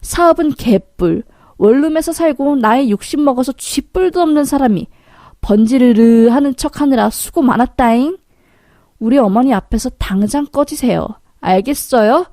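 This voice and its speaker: A woman's voice: high-pitched, lively intonation, quick pace, hardly any pauses, mellow, dry recording, clean studio sound. A woman voicing a fierce, blunt young daughter-in-law who scolds sharply. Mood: scolding.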